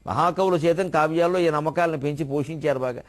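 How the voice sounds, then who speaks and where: Older male spiritual speaker, fairly high voice, expressive delivery that moves between hushed and forceful, with chanted verses. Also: fast talker. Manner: expressive, rising and falling in pitch and volume, quoting and chanting verses. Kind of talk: Telugu religious discourse.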